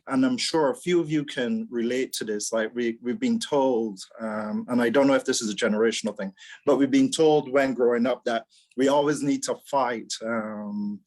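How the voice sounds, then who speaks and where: Talking casually as a mentor on a video call panel, an actuary executive from Barbados keeps repeating words while he thinks things through. He speaks at normal speed in a mid-range, slightly mellow voice.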